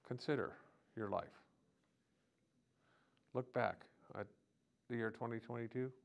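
A man delivering a sermon with a gravelly, creaky edge to his voice. He speaks in short, broken phrases and often restarts them. He moves earnestly between plain teaching and prayers spoken aloud. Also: mid-range voice, unhurried. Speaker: preacher.

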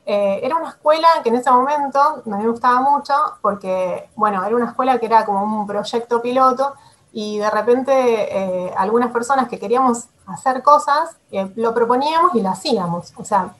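Joining by webcam from a small home room, a climate activist in her forties speaks with a Rosario-flavored Argentine Spanish accent at a normal speed, her voice a little high. She gives casual interview answers, often using fillers, restarting, and laughing softly.

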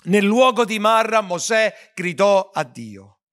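A man's voice: high-pitched, very animated, slow, fairly bright tone. A man preaching a sermon as pastor, earnest, with frequent restarts and stumbles over words.

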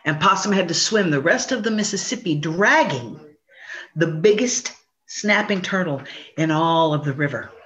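A woman storyteller telling a traditional folk tale, animated and conversational. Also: lowish voice, normal speed. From Chickasaw Nation. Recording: dull lo-fi recording.

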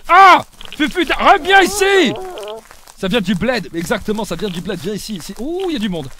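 Young man, live gaming commentary, very high voice, lively swings, faint background noise. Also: fast. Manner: swings between loud yelling and low muttering, swears a lot. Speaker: gaming streamer.

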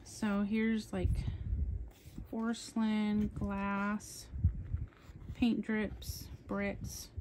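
A woman's voice: mid-range voice, completely flat delivery, drawn-out words, pauses often, a little mellow, slight background noise. A woman hosting a casual coloring book haul, talking chattily and with enthusiasm as she flips through her purchases. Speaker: coloring channel host. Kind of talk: casual haul show-and-tell.

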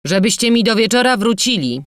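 A woman's voice: on the high side, lively intonation, a little fast, no echo, clean studio sound, voice pushed up, lightly acted. A woman voicing a grumbling old landlord. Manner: grumbling, reproachful questions. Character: stern older male manor landlord.

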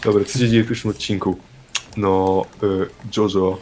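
A man's voice: deep voice, level tone, moderate pace, darkish tone. A young man bantering casually with a friend while gaming, joking crudely and swearing a lot. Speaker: gaming video co-host. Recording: faint background noise, keyboard clicking.

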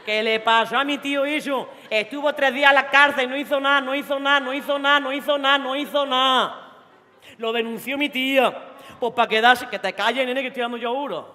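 A woman's voice: high-pitched, steady tone, fairly quick, pushed and bright, long reverb tail. A woman playing a cocky, macho teenage boy from Jaén with an Andalusian accent, brash and teasing on a theatre stage. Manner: brash, teasing, streetwise slang. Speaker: actress. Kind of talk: theatre monologue.

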